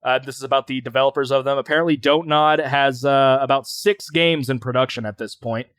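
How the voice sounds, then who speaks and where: A man's voice: mid-range voice, fairly even intonation, brisk, a bit bright, dry recording. Male podcast co-host, mid-range voice, rambling casual delivery, dry close sound. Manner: rambling, hesitant, many fillers and restarts.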